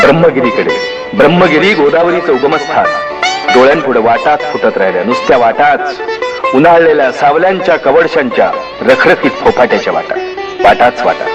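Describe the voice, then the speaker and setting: An expressive male narrator reads a novel aloud as a one-man dramatic performance. His pitch moves freely and animatedly through the lyrical passages. Music plays behind his voice. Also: dull audio. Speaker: author and narrator. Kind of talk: solo dramatic novel reading.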